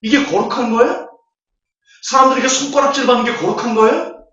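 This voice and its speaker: A man's voice: very high-pitched, steady tone, fast talker, pushed and bright. A man preaching a Bible lecture, scornful and full of rhetorical questions. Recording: echoey hall, distant, dull audio.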